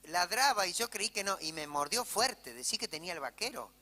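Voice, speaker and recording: A man's voice: high-pitched, big pitch swings, fairly quick, sharp tone. A male pastor with an Argentine Spanish accent preaching a sermon in church, telling stories conversationally and checking in with "¿sí?". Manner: conversational storytelling, frequent "¿sí?" asides to the congregation. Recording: church hall reverb.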